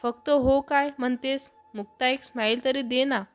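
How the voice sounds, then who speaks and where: A woman voicing a gentle, reassuring young man in a storybook tale, speaking in a soft, encouraging tone. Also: high voice, fairly even intonation, moderate pace, natural voice.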